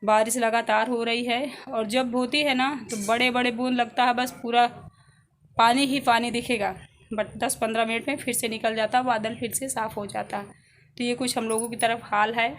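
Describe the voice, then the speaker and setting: A woman's voice: on the high side, steady tone, normal speed, fairly bright tone, echoey room, a little hiss or hum. A woman in her thirties with an Indian Hindi accent, chatting casually to viewers while doing housework at home. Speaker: vlogger. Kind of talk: casual vlog chat with viewers. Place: home kitchen.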